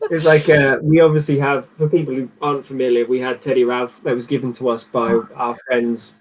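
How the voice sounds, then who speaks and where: Male co-host, relaxed livestream chat, easy laughs. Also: mid-range voice, brisk, slight background noise, rough recording.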